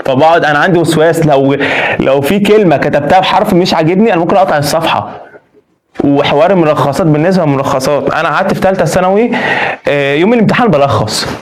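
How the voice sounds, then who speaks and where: A young man with an Egyptian Arabic accent giving casual, earnest advice straight to his viewers in a vlog. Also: a little high. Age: young adult. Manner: rapid, animated, earnest, addresses listeners directly. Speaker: student vlogger.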